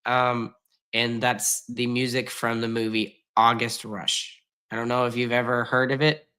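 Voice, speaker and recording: A man co-hosts a casual podcast chat, talking like the music teacher he is. His voice is bright and forceful with a smooth, resonant tone. He speaks emphatically and gushes, urging listeners to act. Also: medium pitch, little pitch movement, a little slow. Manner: emphatic and gushing, urges listeners. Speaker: podcast co-host; junior high music teacher.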